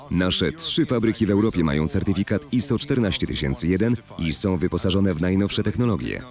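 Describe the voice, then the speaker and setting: A deep-voiced man narrates a corporate presentation in a formal, measured style, his pitch rising and falling lively. The studio recording has soft, faint music in the background.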